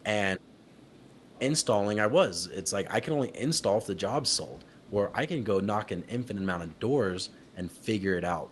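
Deep-voiced guy from utah, young, chatting as a guest, animated, laughs a lot, acts out his old conversations. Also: moderate pace, slight background noise. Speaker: guest, company founder. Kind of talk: casual interview storytelling.

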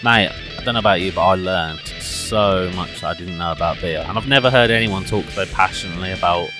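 Deep, quick-talking British man. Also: music in the background. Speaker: podcast co-host. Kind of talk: casual chat.

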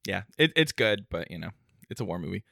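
A man's voice: low-pitched, big pitch swings, fast, creaky, sharp tone, no room sound, clean studio sound. A young man co-hosting a casual podcast chat, laid-back and laughing often as he runs through a ranked list. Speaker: podcast co-host.

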